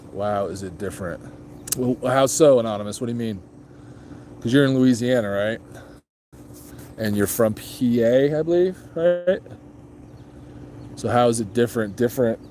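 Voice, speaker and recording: Reading live chat on his casual motorcycle vlog, this man chats loosely with viewers and answers questions, with lots of ums and restarts. He grew up moving around as an Army child. His medium-pitched, dark-toned voice runs at normal speed with frequent pauses and a little hiss or hum.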